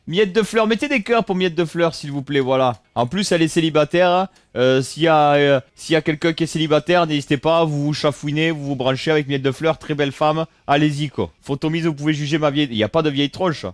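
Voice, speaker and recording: A man's voice: fairly high pitch, brisk, few pauses, no echo, studio quality. A man live-streaming, chatting casually with his viewers, greeting them by name and swearing when he gets worked up. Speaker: Twitch streamer reading chat.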